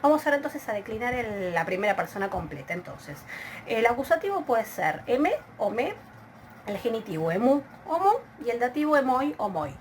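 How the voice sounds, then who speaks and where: A woman's voice: on the high side, sing-song, normal speed, slight background noise. Argentine woman teaching a recorded lesson. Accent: Argentine Spanish. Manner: explanatory, many filler hesitations and restarts. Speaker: Greek language teacher. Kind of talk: recorded video lecture.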